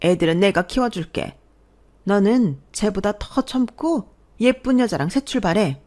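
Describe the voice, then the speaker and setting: A woman voicing a domineering middle-aged mother-in-law who shouts and scolds in a radio drama. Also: a little high, animated, normal speed, pitched above the performer's own voice, lightly acted. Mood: scolding. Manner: shouting, accusing, loud. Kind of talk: Korean radio drama acting.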